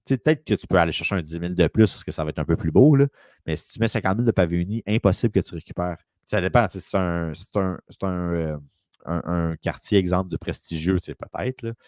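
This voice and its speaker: A man's voice: low voice, fast, darkish tone, no room sound, clean studio sound. A man with a Quebec French accent, a real estate broker telling a long rambling story in casual conversation.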